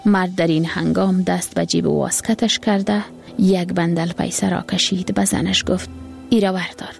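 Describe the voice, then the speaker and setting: A woman narrating a story in a calm, measured way. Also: fairly low pitch, gravelly, faint music behind.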